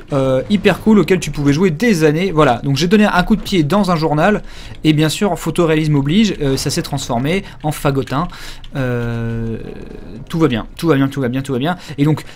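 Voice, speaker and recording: A man's voice: fairly high pitch, a little mellow, a little hiss or hum. Crude, joking man streaming a game. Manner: rambling, crude and joking, many fillers. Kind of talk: casual live gameplay commentary.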